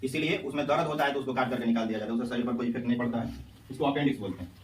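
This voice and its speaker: A man's voice: mid-range voice, rapid-fire, slight background noise. A male teacher, lecturing a class and quizzing students with repeated questions. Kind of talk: classroom lecture with call-and-response. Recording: echoey classroom, mic at a distance.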